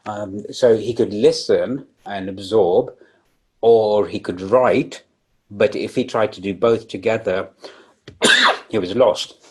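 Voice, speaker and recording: A man with a somewhat low, husky voice gives a public lecture. He explains step by step, with frequent ums and restarts. He sounds a little rough from coughing and talks around a throat lozenge. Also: slow.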